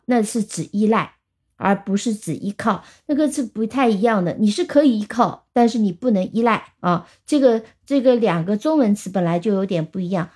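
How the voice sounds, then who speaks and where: A woman teaches words. She talks at a fairly high pitch, explains each point patiently and slows right down to read every example sentence. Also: darkish tone. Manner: explains patiently, reads English examples slowly. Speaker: English teacher. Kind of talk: vocabulary lesson.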